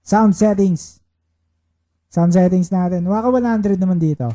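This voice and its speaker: A man chatting casually on a live stream as he plays baccarat, reading out viewer shoutouts and chanting his betting calls. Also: high-pitched, a little slow. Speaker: livestreaming baccarat player.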